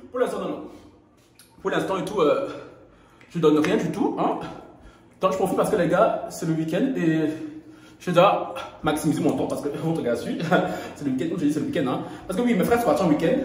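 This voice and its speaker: A young man with a high voice chats in a gossip vlog, playful and quick to laugh, his pitch leaping around as he talks. He records himself on a phone in his bathroom, and the hard walls make the sound ring with heavy echo. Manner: playful, laughing often, animated swings in pitch. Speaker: gossip YouTuber. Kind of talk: casual vlog chat. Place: echoey bathroom at home. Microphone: camera or phone while doing skincare. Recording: very echoey room.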